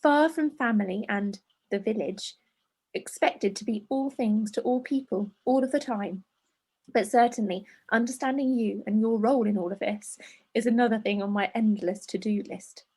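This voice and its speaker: A woman's voice: mid-range voice, moderate pace, darkish tone, breathy edge. A woman co-hosting a podcast, chatting and reading aloud a listener's letter, emotional and laughing through tears. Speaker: podcast co-host. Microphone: video call.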